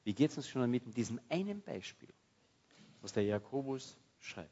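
Lively male preacher. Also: medium pitch, normal speed, slightly rough, lo-fi sound. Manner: lively, conversational preaching with dialect fillers. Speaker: pastor. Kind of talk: sermon.

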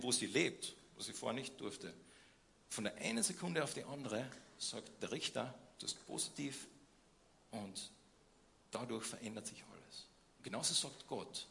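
A young man preaching a sermon, swinging between loud questions and quiet emphasis, with frequent hesitations. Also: mid-range voice, vocal fry, a little hiss or hum.

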